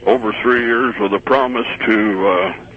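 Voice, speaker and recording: A man's voice: fairly low pitch, unhurried. Man caller taped off the radio. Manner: skeptical, gripes about city spending. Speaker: radio call-in listener. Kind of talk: call-in talk radio. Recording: muffled radio tape with faint hiss.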